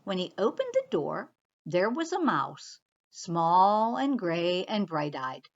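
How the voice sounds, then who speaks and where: A woman's voice: fairly low pitch, wildly swooping pitch, slow pace, muffled recording. A woman librarian reading a picture book aloud expressively for children, stopping to talk to them directly.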